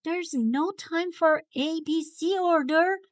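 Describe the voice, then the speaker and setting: Woman as an excitable high-pitched cartoonish schoolkid. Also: slow pace, dry recording, clean studio sound. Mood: excited. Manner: exaggerated cartoon intonation. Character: excitable schoolchildren calling out ideas in a storybook.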